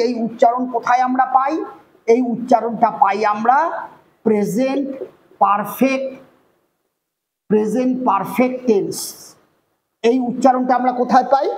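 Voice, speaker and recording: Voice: medium pitch, darkish tone. A teacher giving a classroom grammar lesson, explaining step by step and often checking that the class understands. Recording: echoey room with faint noise.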